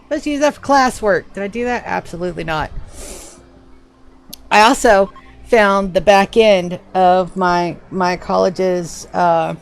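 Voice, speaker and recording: A woman's voice: medium pitch, a little slow, soft background music. A woman in her forties chatting on a live game stream, rambling and wry, swearing casually. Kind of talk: casual livestream chat.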